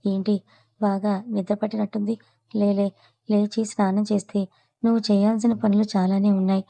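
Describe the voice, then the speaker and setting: A woman takes the part of a young husband who teases and needles his wife. The voice is dark and mellow, and the pitch stays flat. This is an audio storybook. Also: a little fast, gravelly, lightly acted. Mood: teasing. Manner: mocking, teasing. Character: teasing young husband, man.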